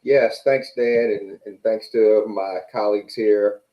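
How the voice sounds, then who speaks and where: A man's voice: on the low side, steady tone, measured pace, echoey room, highs cut off. A man, a guest on a video call, speaking politely and formally. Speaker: guest, podcast host. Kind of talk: guest self-introduction.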